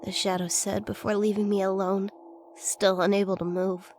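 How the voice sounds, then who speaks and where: Female horror narrator, scripted first-person tale, mid-pitched, slight background noise. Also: flat delivery, moderate pace, a little mellow. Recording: faint noise and ambience behind voice.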